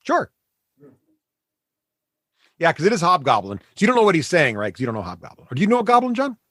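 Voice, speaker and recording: A man running a tabletop game, narrating casually and haltingly as he thinks aloud as game master. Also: a little high, wildly swooping pitch, a bit bright, no room sound, studio quality.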